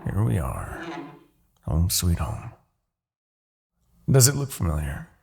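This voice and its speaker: The demon king here, played by a man for fantasy ASMR, has a low, gravelly yet mellow voice and speaks slowly. He's a smug, seductive, manipulative tyrant, delivering his taunts in a very animated full character voice that swings theatrically and drags out words with smug, coaxing condescension.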